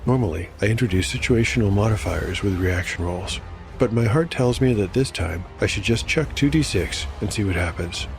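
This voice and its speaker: Over background music and slight noise, a man narrates a solo tabletop game, rolling dice aloud and adding reflective asides about the outcomes. His fairly low voice is expressive and moves at normal speed.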